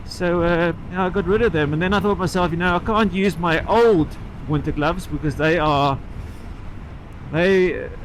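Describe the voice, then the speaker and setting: A man talking casually and haltingly from inside his helmet while riding a motorcycle, rambling like a vlogger and picking his thread back up. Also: high voice, low-quality recording. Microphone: microphone inside the helmet. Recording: inside-helmet sound with road and engine noise.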